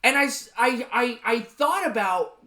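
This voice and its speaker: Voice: mid-range voice, expressive, a little slow, pushed and bright. A vlogger in a heated, profane ranting monologue to camera, who repeats and restarts words when worked up.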